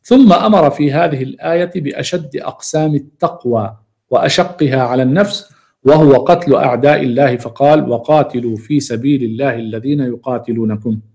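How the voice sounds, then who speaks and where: A man with a mellow, relaxed voice teaches a scripture commentary in a mosque. He reads a passage aloud, then goes back over its key phrases slowly and explains them, at an ordinary middle pitch. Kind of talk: reading and explaining a classical Quran commentary.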